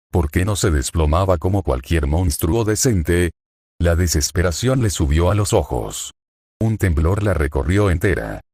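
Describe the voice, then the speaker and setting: A man's voice: low-pitched, a little mellow, slightly rough, no echo, clean studio sound. A man narrating a fan fiction story in scripted, sardonic storytelling.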